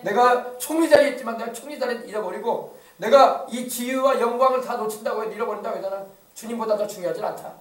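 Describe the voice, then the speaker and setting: A pastor with an extremely high voice and a Yeosu-area Korean accent preaches a rousing call-and-response sermon at a quick pace in a church sanctuary. The recording sounds echoey and distant.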